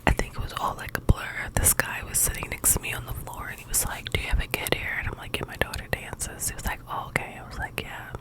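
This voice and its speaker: Woman in a quiet, late-night ASMR whisper. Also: low-quality recording. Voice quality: breathy, unvoiced whisper. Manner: rambling, halting, filler "like". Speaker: ASMR video host. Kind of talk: whispered ASMR ramble, casual personal chat.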